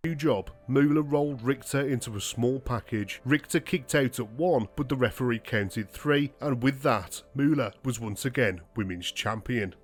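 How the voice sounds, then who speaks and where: Measured male documentary narrator. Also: medium pitch, faint music behind. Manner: measured, even storytelling. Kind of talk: scripted narration.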